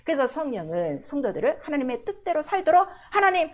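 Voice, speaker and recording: Woman pastor, high and very lively voice, emphatic sermon with questions to the congregation. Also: fast talker. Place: church service.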